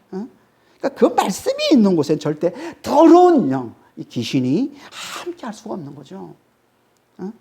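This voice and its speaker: A woman with a dark tone and a voice on the low side gives an expository sermon. She hammers home key phrases emphatically and keeps asking "eh?" to prompt the congregation.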